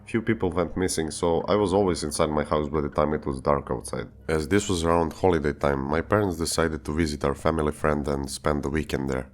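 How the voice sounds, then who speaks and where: A man narrating a scripted first-person creepypasta horror story. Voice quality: very deep, low voice.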